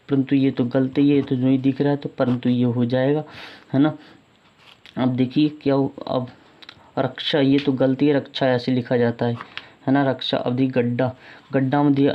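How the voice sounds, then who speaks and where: A man teaching a casual spelling lesson for exam prep, repeating each point and quizzing his viewers. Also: medium pitch. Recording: dull lo-fi sound.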